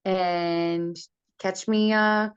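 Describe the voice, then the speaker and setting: A woman's voice: medium pitch, fairly even intonation, extremely slow, clean tone, dry recording. A woman singer talking casually and chattily in a remote interview, heard over a conference call whose audio breaks up. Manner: chatty, loose, many fillers. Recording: dull lo-fi call audio, dry.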